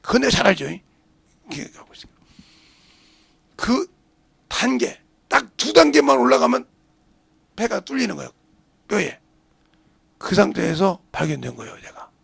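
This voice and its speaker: A middle-aged male pastor preaching a sermon, dropping to whispered prayers and rising to shouts. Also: sits high, sing-song, moderate pace, creaky, long pauses, slightly rough, dry recording. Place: church sanctuary.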